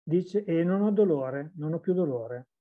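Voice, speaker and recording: Over phone-quality audio, a woman with a low voice and lively intonation interprets a teacher's words consecutively into Italian. She speaks unhurriedly in full sentences, with a few small restarts.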